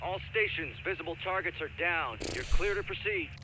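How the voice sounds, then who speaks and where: An actor playing a brash, commanding military contractor in a video game, giving orders over the radio. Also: male voice, high-pitched, normal speed, noisy background. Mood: brisk, official.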